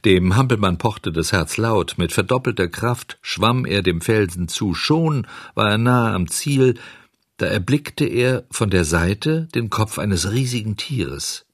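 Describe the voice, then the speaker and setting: A man with a low voice reading a children's tale aloud as an audiobook. He tells the story expressively and addresses his listeners directly. The recording is dry and close. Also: expressive, unhurried, dry recording. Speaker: narrator.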